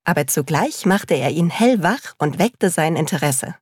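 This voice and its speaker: A woman narrating a storybook in a slow, calm, measured reading. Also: low voice, husky, no room sound, studio quality.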